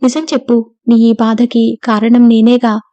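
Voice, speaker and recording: A woman voicing a tender, guilt-ridden young husband in an audiobook, speaking gently and in a measured, pleading way. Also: fairly high pitch, flat delivery, dry recording, close to an everyday voice. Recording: dull lo-fi dry recording.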